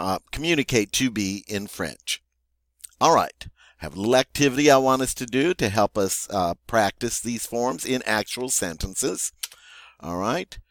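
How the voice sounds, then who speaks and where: A man teaching a French grammar lesson, patiently repeating and modelling each French form slowly. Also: lowish voice, a bit bright, no echo, clean studio sound.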